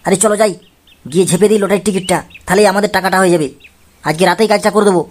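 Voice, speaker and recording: A man's voice: sits high, fairly even intonation, rapid-fire, close to an everyday voice. A man voicing a greedy thug who serves a gangster boss in a cartoon, sounding sly and menacing. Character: greedy adult male thug, a gangster's sidekick.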